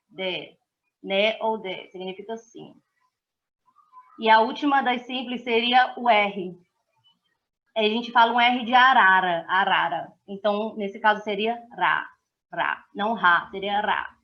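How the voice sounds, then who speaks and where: A woman's voice: fairly high pitch, muffled recording. Young Brazilian woman teaching sounds. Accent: Brazilian Portuguese. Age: young adult. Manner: explains patiently, drills sounds by repeating them. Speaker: student presenter. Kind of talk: classroom presentation.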